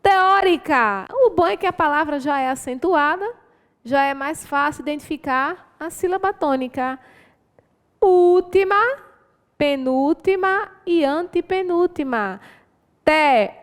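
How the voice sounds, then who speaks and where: Brazilian lady teacher, high voice, encouraging, explains step by step, long echo on the room. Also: moderate pace. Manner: explanatory, encouraging, frequent tag questions. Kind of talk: exam answer walkthrough.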